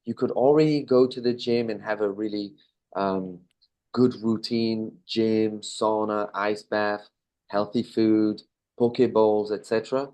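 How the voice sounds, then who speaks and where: Relaxed and casual, a Belgian-accented business owner in his thirties from Belgium answers an interviewer's questions with fillers and self-corrections. His voice is lowish and his pace a little slow.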